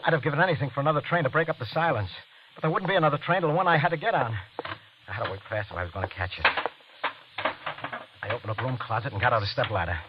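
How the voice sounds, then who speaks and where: An actor plays a guilty, panicked man on the run after a killing, narrating a first-person thriller in 1940s-50s radio style with a haunted, brooding mood. His medium-pitched delivery is lightly acted, tense and hurried, stammering when he's questioned. The dull old broadcast carries music and heavy background noise.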